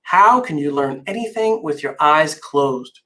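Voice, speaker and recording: A man voicing a cheerful little girl who yells to wake everyone up, stretching out her high, loud call. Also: lively intonation, unhurried, recorded from a distance. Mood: teasing.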